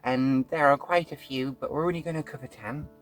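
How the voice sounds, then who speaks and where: A woman's voice: rumbling low, fairly quick, over loud music, over a noisy crowd. A woman hosting a casual reaction video, talking frankly with plenty of fillers and restarts. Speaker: host.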